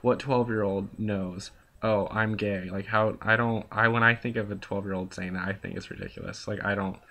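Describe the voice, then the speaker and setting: A young man speaks straight to his viewers in an unscripted confessional vlog. His voice sits a little low and has a gravelly, fry-laden edge. He rambles through his thoughts with constant fillers, earnest and at times bluntly profane. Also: fairly even intonation, fairly quick, sharp tone. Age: young adult. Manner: rambling, full of "like" and "you know". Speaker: vlogger. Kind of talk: casual confessional monologue.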